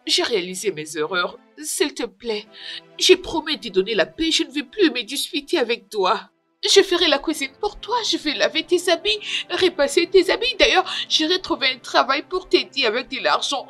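A woman's voice: high-pitched, animated, moderate pace, sharp tone, soft background music. A woman voicing a remorseful estranged wife in a French film dub, crying and pleading desperately for forgiveness.

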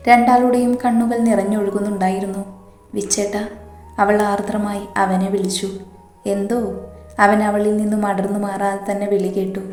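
A woman narrating a romance story in a soft, even, unhurried way. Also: mid-range voice. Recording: echoey room, faint music behind.

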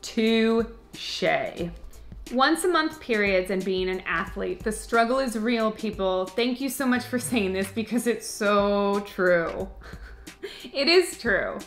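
A woman's voice: mid-range voice, lively intonation, slow, soft background music. A woman hosting her own channel, casually and playfully answering viewer comments and laughing often. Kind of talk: casual chat to camera. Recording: echoey room.

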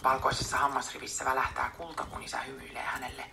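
Woman, whispered storybook reading, bright edge, low and gravelly. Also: level tone, slight background noise. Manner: soft unvoiced whisper. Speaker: audiobook reader.

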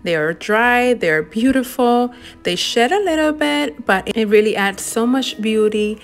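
A woman narrating her home decorating and baking in a gentle, enthusiastic voice-over, walking through each step. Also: on the high side, animated, unhurried. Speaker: home and cooking vlogger.

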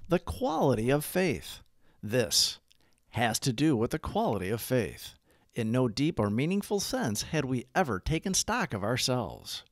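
A man of medium pitch narrates a scripted daily recovery reflection, reading it like a devotional. His phrasing is measured and emphatic, and the studio recording is clean with no echo.

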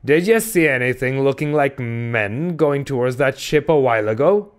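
A man's voice: mid-range voice, expressive, moderate pace, pitched above the performer's own voice, lightly acted. A man voicing an odd, cryptic, ragged old male sailor in an audiobook, with an insinuating, sing-song and wandering manner. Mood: cryptic, wheedling. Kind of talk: audiobook character voice.

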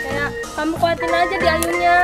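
An agreeable young village girl, played by a young woman, with a very high voice. She chats casually and helpfully in an outdoor amateur skit. Music plays clearly behind her. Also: steady tone, normal speed. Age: teenager or young adult. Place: outdoors, paved yard and gateway.

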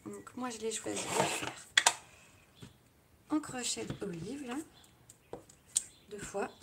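A woman's voice: a little high, slow pace. A woman with a French accent hosting a casual live crafting tutorial, chatting her way through each step with small asides. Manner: chatty, narrates each step with little "hop" and "voilà" asides. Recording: loud background noise with clicks.

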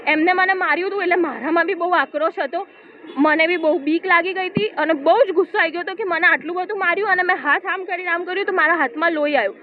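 Woman, very high voice, steady retelling of an incident, phone-like sound with faint hiss. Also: fast. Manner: steady retelling, quotes dialogue. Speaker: complainant giving a statement. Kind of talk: first-person account of an incident. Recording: tinny phone-like audio with faint noise.

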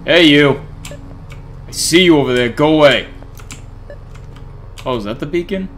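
A man's voice: a little high, lively intonation, measured pace, fairly bright tone. A man giving horror game commentary who swears and talks to the monsters. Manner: jumpy, swears and yelps at scares. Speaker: gaming YouTuber.

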